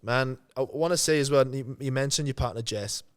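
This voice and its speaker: A man with a mid-pitched voice hosts a casual interview. He talks in an informal, matey way, recorded close and dry with very little room sound. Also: fairly quick, clear, resonant tone, no echo. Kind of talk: casual chat.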